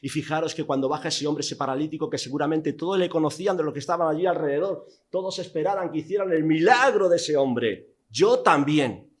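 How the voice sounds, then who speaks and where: A man from Spain, preaching a sermon in a church hall, telling the story vividly with rhetorical questions and swings from loud to hushed. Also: a little high, fast talker, few pauses.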